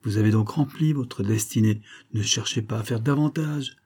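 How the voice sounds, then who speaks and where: A man reading the part of a scheming, smooth-talking middle-aged army major, pompous and theatrical, mock-affectionate toward his wife. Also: lowish voice, moderate pace, darkish tone, close to an everyday voice.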